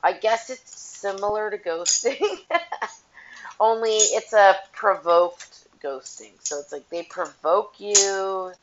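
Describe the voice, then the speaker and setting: A woman's voice: medium pitch, takes it slowly, noisy background. A woman hosting a casual solo podcast while washing dishes, talking bluntly and profanely, with a tinny, tin-can sound from her headset mic. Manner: blunt and profane, frank opinions. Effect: tinny, metallic tin-can sound. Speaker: podcast host. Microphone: headphones with mic. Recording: dull tin-can sound with faint dish clatter.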